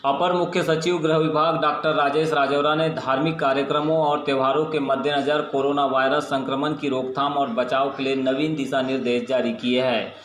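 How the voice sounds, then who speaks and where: A man reading a scripted local news bulletin in a flat, formal manner. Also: medium pitch, normal speed, few pauses, over music. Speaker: news reader. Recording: echoey room with faint noise.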